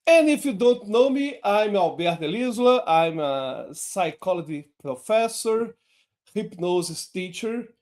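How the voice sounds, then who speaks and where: Here a man with Portuguese as his first language leads an English-language hypnosis lesson online. His delivery is unhurried and careful, marked by lively pitch movement.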